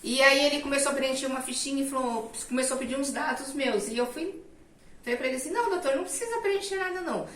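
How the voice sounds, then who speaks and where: A woman's voice: high voice, fast talker. Woman telling her story in a roomy space. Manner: animated storyteller, acting out quoted voices. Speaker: guest telling her testimony. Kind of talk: personal testimony in casual conversation. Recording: roomy sound, mic at a distance.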